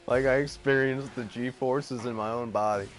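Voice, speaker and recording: A man's voice: medium pitch, fairly even intonation, normal speed. A man trading dry jokes and quips while playing a video game with a friend. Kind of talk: casual chat while playing. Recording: clear background noise.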